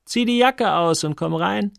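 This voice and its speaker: A man's voice: high-pitched, measured pace, vocal fry, no echo, studio quality, pitched above the performer's own voice, exaggerated voice. A man putting on a teasing, curious woman. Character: curious grown woman, teasing, relaxed and knowing.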